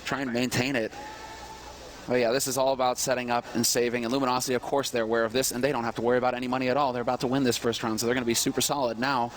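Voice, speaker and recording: A man working as an esports caster, calling fast play-by-play with excitable urgency, in the manner of live game commentary. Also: mid-range voice, slight background noise. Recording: loud game gunfire behind voice. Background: gunfire from a video game.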